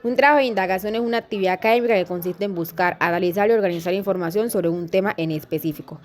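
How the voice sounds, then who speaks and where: A woman reading class notes aloud in a steady, instructional way. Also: medium pitch, racing, slight background noise. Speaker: student presenter.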